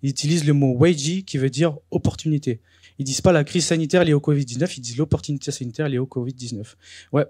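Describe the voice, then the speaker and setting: Talking fast in a fairly high, warm, slightly rough voice, a young event host addresses a live audience. He's casual and chatty, hesitating often and leaning on lots of fillers, and the studio-clean recording has no echo.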